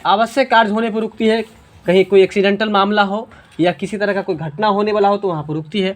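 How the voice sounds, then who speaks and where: A woman's voice: medium pitch, steady tone. Woman teaching a patient classroom lesson. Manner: patient, asks students questions and slows down for examples. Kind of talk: classroom Hindi grammar lesson.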